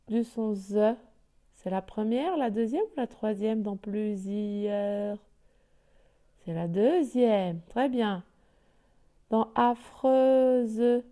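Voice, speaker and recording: A woman's voice: fairly high pitch, warm tone. A woman teaching a reading lesson to young children, patient and drawing out each word.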